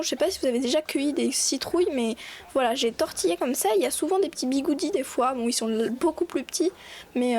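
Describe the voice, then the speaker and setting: A woman's voice: high-pitched, a little mellow. A young woman hosting a casual voice-over craft tutorial, chatty and full of fillers and restarts.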